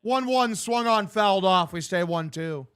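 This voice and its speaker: A man in his twenties livestreams casual baseball play-by-play while answering chat, in slangy, profane, bro-style talk. His voice sits high and smooth with a fairly bright tone, at normal speed.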